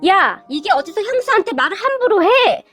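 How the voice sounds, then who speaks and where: A pushy brother-in-law lectures in an accusing tone, voiced by a woman reader. The pitch is very high for a man's part and moves a lot. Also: animated, fairly quick, faint music behind. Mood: indignant. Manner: accusing, finger-pointing.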